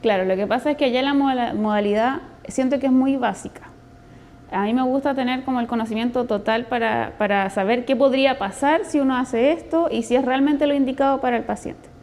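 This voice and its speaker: A woman dentist with a Chilean accent gives an earnest testimonial. Her voice sits a little high and sounds warm and mellow. She talks in a conversational, explanatory way. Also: fairly quick. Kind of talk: testimonial interview.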